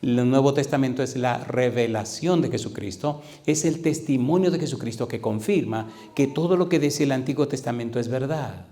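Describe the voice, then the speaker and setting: A man in his fifties preaching a sermon to a live audience, often asking them questions and slowing down to stress scripture. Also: medium pitch, dark tone. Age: 50s. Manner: engages the audience with repeated questions; slows down to stress scripture readings. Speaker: pastor.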